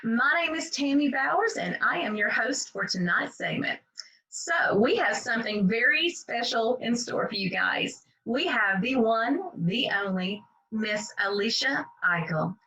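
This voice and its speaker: A woman's voice: fairly high pitch, expressive, measured pace, bright, forceful tone. A woman hosting an online interview, gushing and encouraging toward her guest. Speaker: host. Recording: dull lo-fi sound.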